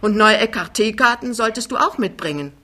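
A vain older mother, scolding in a raised, high and piercing voice, as a woman puts her on. Her tone is bright and sharp and rarely lets up. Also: animated, fairly quick. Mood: indignant.

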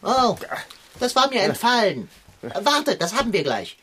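A woman's voice: medium pitch, sing-song, measured pace, a bit bright, slight background noise. A woman playing a big fat talking tomcat, bossy, hungry and pompous, in a children's audio drama. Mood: exasperated, bossy. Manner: pompous, dramatic, formal wording.

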